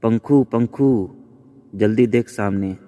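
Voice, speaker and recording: A man voicing an excitable young woman who pleads with her friend. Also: on the low side, measured pace, highs cut off. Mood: eager. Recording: long reverb.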